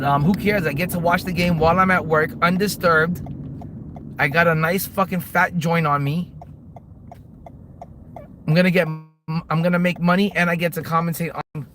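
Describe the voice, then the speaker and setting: High-voiced New man streaming from his car. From New York, Manhattan. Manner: rambling, repeats himself, frequent fillers. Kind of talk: casual live-stream chat. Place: in a car while driving for deliveries. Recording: noisy car interior.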